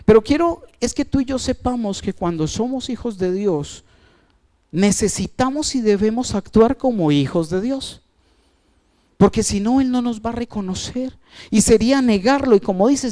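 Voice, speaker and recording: A male pastor preaching a sermon, asking the congregation questions, stretching out key words and letting his phrases fall away quietly. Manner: asks the congregation questions and answers them; wide swings of pitch and loudness, trailing off at phrase ends.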